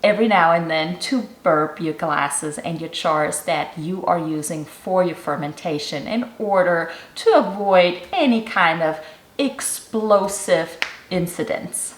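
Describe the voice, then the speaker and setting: A middle-aged woman from Germany hosts her cooking channel, talking through a fermentation recipe in a chatty, instructive way. Her voice sits a little low for a woman. The sound is roomy, with a clear echo around her. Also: a little slow, slight background noise. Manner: chatty and instructive, explaining step by step. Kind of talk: casual how-to vlog narration.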